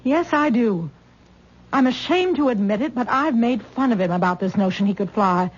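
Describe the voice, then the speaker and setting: A fairly high, expressive female voice at normal speed belongs to an actress in a 1970s radio drama. She plays a middle-aged mother, anxious and fretful, coaxing her grown daughter. The sound is that of a dull old radio broadcast.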